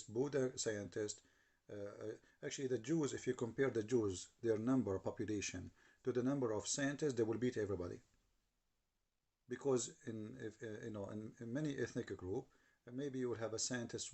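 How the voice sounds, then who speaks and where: A man's voice: medium pitch, vocal fry, darkish tone, breathy edge. A man giving argumentative commentary, translating clips and challenging what they say. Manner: repeats and restarts while translating, challenging tone.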